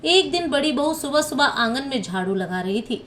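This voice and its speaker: A woman telling a moral family story in steady scripted narration. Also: high voice, moderate pace, slight background noise.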